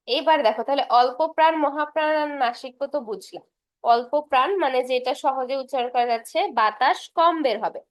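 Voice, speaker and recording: A woman's voice: sits high, no room sound. A young woman teaching a casual exam-prep lesson, patiently repeating terms and sketching as she explains. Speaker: tutor for university admission exams.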